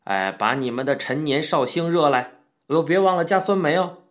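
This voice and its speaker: A man voicing a gruff middle-aged martial arts coach who scolds and jokes bluntly, in an audiobook reading. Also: fairly high pitch, normal speed, lightly acted. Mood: jovial. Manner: brusque, scolding, boisterous joking. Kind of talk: audiobook character voice.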